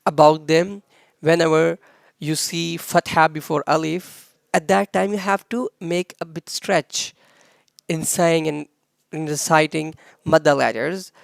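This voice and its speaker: A Quran teacher leading a slow recitation lesson, spelling letters and drawing out each long vowel in careful drills. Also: medium pitch, vocal fry, no room sound, clean studio sound. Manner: drawn-out, careful drilling of syllables.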